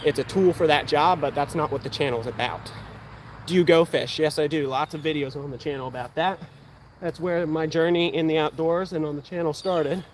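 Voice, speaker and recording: Shooting archery outdoors during a livestream, a young man of eighteen chats casually and responds to questions from viewers. He has a Pennsylvania accent and a fairly high voice at a fairly quick pace, with faint outdoor sounds in the background as he hosts his outdoors channel.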